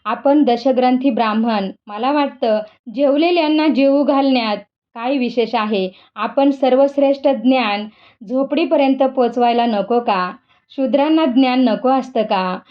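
Woman reading calm young male saint, gentle, patient, high voice, dull lo-fi storybook audio. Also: unhurried.

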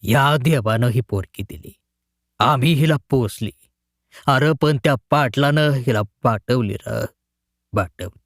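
Man playing an enraged grieving farmer, slow heavy lines, storybook. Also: medium pitch, no echo, studio quality, close to an everyday voice. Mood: grim.

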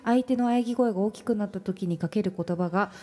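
A woman co-hosting a radio show, reading a listener's letter aloud and reacting with quick laughs. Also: mid-range voice, dark tone. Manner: laughs easily, brief reactions. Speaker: radio co-host. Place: radio studio.

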